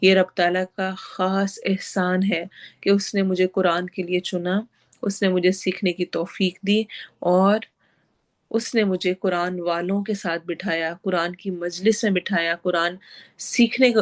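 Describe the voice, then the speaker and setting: A woman teaching Quran recitation, reciting each phrase slowly and then patiently explaining how to pronounce it. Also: medium pitch. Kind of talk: tajweed lesson.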